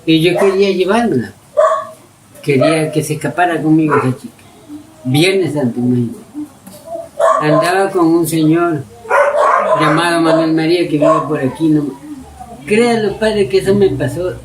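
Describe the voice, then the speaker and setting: A man telling stories from his own life in a lively, casual way, acting out his own shouts. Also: fairly high pitch, moderate pace, pauses often. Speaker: storyteller interviewee. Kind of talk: casual oral-history storytelling. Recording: distant mic with loud noise and dogs barking.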